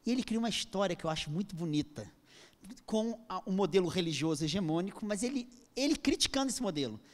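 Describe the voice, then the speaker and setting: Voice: mid-range voice, lively intonation, quick pace. A lecturer telling a story in a reflective talk, acting out the dialogue. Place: lecture hall. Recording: echoey hall.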